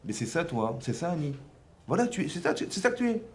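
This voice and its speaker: A man teaching a religious class, animated, asking many rhetorical questions. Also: a little high, a little fast, slight background noise. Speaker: rabbi teaching a women's class. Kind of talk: religious lecture.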